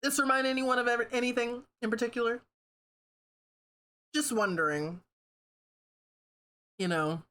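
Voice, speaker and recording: A woman's voice: on the high side, steady tone, moderate pace, pauses often, bright, forceful tone. A woman livestreamer chatting casually with her viewers, swearing freely and laughing often. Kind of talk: casual stream chat.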